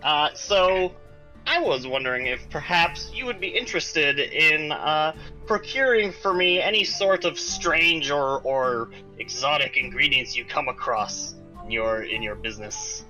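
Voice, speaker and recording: A man's voice: fairly high pitch, a little slow, sharp tone, faint music behind, poor audio. A man voicing a chatty, eccentric male alchemist shopkeeper who rambles and wheedles. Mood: wheedling. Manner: eager, conspiratorial, rambling with filler.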